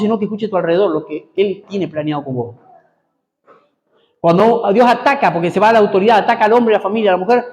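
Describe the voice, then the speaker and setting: A man's voice: high-pitched, a little mellow, big-room sound. A man preaching a sermon with a Rioplatense Spanish accent, emphatic and speaking straight to his congregation. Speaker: apostle preaching. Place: church hall.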